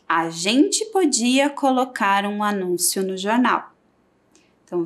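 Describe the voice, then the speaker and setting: A woman with a Brazilian Portuguese accent teaching a televised primary school lesson, sounding out syllables for children. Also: on the high side. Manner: slow, lively, sings out syllables for children.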